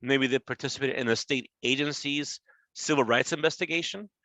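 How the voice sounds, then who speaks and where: Speaking fairly quickly at medium pitch, this man sounds pushed and bright in a dry recording. He's in his forties and presents for a government agency, giving a conversational workplace-law webinar in which he rephrases as he goes and asks "right?"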